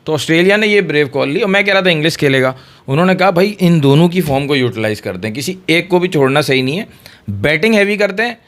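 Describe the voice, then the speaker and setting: A man hosting a casual cricket chat, explaining tactics at length in an animated way. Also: on the high side, fast talker. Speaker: cricket discussion host.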